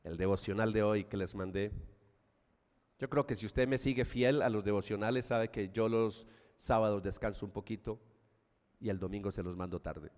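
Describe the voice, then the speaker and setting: A man with a Colombian Paisa accent preaching a sermon as pastor, animated, with loud emphasis and quiet asides. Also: fairly low pitch, moderate pace, big-room sound.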